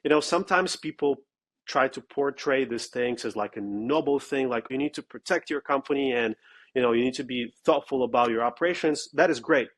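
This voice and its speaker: A man's voice: mid-range voice, brisk. A man from Russia, a startup founder speaking bluntly and emphatically as an interview guest. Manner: blunt and emphatic, with frequent "okay?" asides. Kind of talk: casual interview talk.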